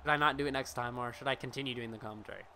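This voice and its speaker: A man doing amateur play-by-play commentary of a hockey video game, excitable and shouting on big plays, with casual profane asides to viewers. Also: mid-range voice, rapid-fire, slight background noise.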